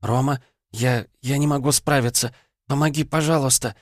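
A man voicing a frightened, pleading seventeen-year-old girl in an audiobook, speaking softly. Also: medium pitch, fairly even intonation, a little fast, no echo, studio quality, pitched above the performer's own voice, natural voice. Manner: soft, pleading voice.

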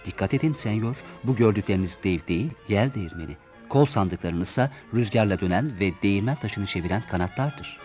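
A man's voice: lowish voice, animated, brisk, few pauses, lightly acted. A man voicing a simple-hearted, worried squire who pleads with his master. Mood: pleading. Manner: pleading, exasperated. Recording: dull lo-fi recording with soft music.

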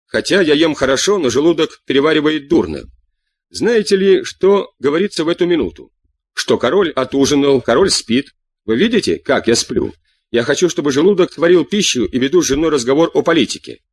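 A man's voice: on the high side, animated, fairly quick, breathy edge, no echo. Man reading as a cool, sardonic king. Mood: calm. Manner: cool, sardonic, lectures at length. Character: calm stubborn middle-aged king, dryly ironic. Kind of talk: audiobook reading.

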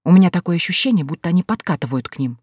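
A woman voicing a grumpy, sharp-tongued young woman in a storybook reading, grumbling. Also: lowish voice, animated, racing, slightly rough, no room sound, clean studio sound.

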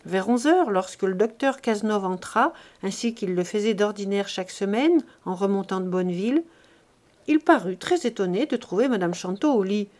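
Woman reading a novel aloud. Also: mid-range voice. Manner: measured, even storytelling. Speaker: audiobook reader. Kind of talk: scripted narration of a novel.

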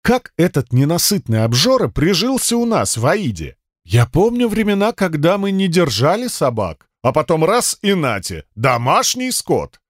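A man's voice: fairly high pitch, wildly swooping pitch, moderate pace, no echo, studio quality. A man voicing a chatty, wry messenger god who talks at length in an audiobook.

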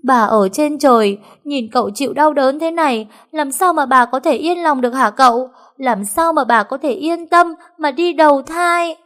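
A woman voicing a cheeky, dramatic young maid girl in a storybook reading, high-pitched and pleading. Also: big pitch swings, fairly quick. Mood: frantic wailing.

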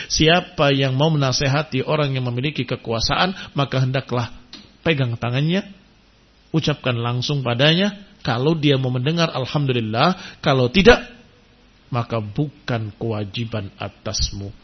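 A man preaching in a religious study lecture, talking emphatically and building to forceful points. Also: mid-range voice, breathy edge. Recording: dull lo-fi lecture recording.

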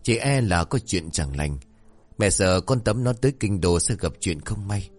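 A man voicing a sharp-tongued, bossy stepmother who scolds and lectures her daughter in a folk tale. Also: low voice, lively intonation, moderate pace. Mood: scolding.

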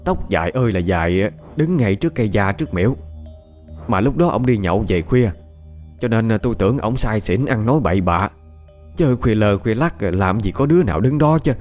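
A man's voice: fairly low pitch, lively intonation, fairly quick, darkish tone, faint music behind, close to an everyday voice. A man playing a fretful village wife. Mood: flustered. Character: chatty middle-aged village wife.

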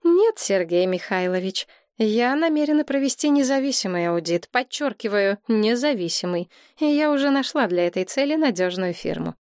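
A woman's voice: on the high side, expressive, normal speed, hardly any pauses, a little mellow, dry recording, studio quality, pitched above the performer's own voice. Woman voicing a composed young heiress, firm.

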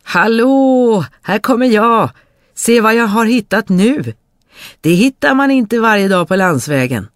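A storyteller voicing a foolish, cheerful young peasant brother who shouts eagerly in a dry recording. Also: mid-range voice, big pitch swings, dry recording, voice pushed up. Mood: eager, boisterous.

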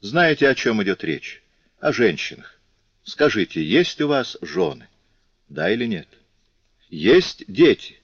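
A man's voice: medium pitch, sing-song, measured pace, gravelly, pauses often, husky, no echo, voice pushed up, heavily acted. A man voicing a compassionate male revolutionary who earnestly pleads with his comrades, in a dull, lo-fi recording. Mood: pleading.

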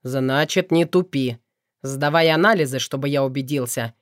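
A man's voice: mid-range voice, normal speed, no room sound, studio quality. A man narrating an audiobook in first person, curt and irritable.

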